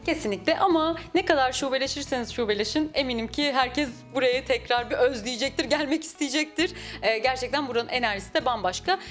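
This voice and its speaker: A young woman interviewing for television, quick, upbeat and complimentary, speaking into a handheld mic in a small cafe. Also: high-pitched, faint music behind. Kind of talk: TV business interview.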